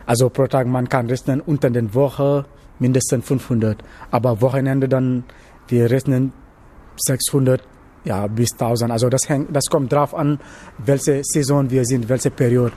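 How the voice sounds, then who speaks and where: The interviewee, a young man from Senegal training as a cook, answers casual questions about his apprenticeship in German, a language he learned as an adult rather than his first. His mid-range voice is steady and mellow, and his speech is halting, full of hesitations as he hunts for words.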